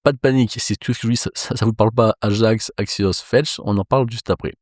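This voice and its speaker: A man from France teaching a coding lesson in a relaxed, reassuring way with casual fillers. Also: lowish voice, quick pace, dry recording, clean studio sound. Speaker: programming instructor.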